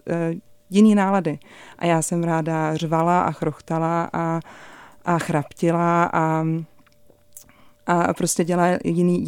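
Deep-voiced young woman, smooth tone, flat intonation, dry close sound, animated storytelling. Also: no echo. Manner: animated, many hesitation fillers. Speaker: interview guest, voice performer. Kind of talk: conversational storytelling.

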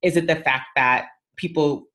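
A woman's voice: sits low, normal speed, a bit bright. A middle-aged woman talking casually on a podcast about social media platforms, emphatic and chatty, with many fillers.

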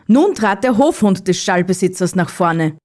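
A woman narrating a Christmas children's story in a calm, even reading voice. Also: mid-range voice, normal speed.

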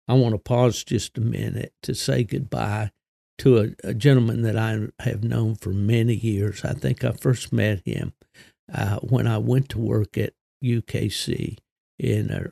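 An older man with a gravelly voice, hosting a solo podcast in a folksy, unhurried, conversational way. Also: lowish voice, warm tone, no room sound, clean studio sound. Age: 60s or older. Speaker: podcast host.

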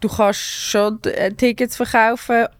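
A woman with a Swiss German accent, a stand-up comedian hosting a casual podcast chat, talking in an animated way and laughing often. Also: a little high, a little slow, clean tone, no room sound, clean studio sound. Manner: chatty, animated, laughs often, loses her thread.

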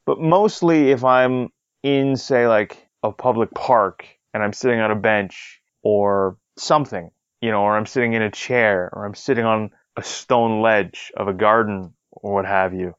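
A man with a fairly low, clean voice talks through a casual solo podcast. He rambles conversationally, tossing in little check-ins as he goes. The headset recording is very dry and a bit muffled and lo-fi. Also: unhurried, clean tone, dry recording. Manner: chatty, rambling, checks in with rhetorical "right?". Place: basement spare room at home. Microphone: headset mic into a budget smartphone. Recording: dull, lo-fi headset phone recording.

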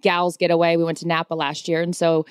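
A woman's voice: fairly low pitch, monotone, a little fast, smooth, dry recording. Bubbly woman podcast co-host, dry close sound. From Seattle area, US. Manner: bubbly, playful, jokey. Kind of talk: casual chat.

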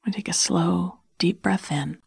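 Breathy, whispery woman, slow and soothing. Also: lowish voice, steady tone, dry recording, clean studio sound. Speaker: sleep podcast host and storyteller. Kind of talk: soft bedtime story narration.

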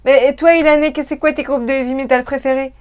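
A woman's voice: sits high, fairly even intonation, darkish tone. Tipsy, chatty woman. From France. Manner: chatty, laughing, speaks fast. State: tipsy from wine. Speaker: livestream co-host. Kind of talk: casual livestream chat.

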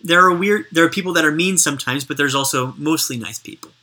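A woman hosts a casual interview in a very deep voice for a woman, with a raspy grain and a bright, forward edge. She is chatty and encouraging, explaining by example. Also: fast.

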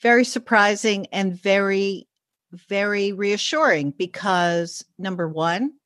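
A woman's voice: medium pitch, slow, a bit bright, dry recording, clean studio sound. A woman co-hosting a podcast, chatting casually and chiming in on her friend's story. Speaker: podcast co-host. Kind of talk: casual chat.

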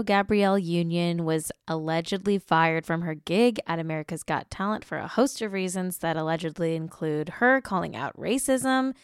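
A woman's voice: lowish voice, smooth, no echo, clean studio sound. Wry woman hosting celebrity gossip. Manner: wry, self-mocking, jokey asides. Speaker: podcast host. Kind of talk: scripted celebrity news chat.

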